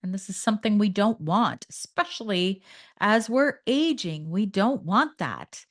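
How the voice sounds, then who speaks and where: A woman from Canada hosting a nutrition podcast, talking to her listeners in an emphatic, animated way. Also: mid-range voice, unhurried. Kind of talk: health podcast talk.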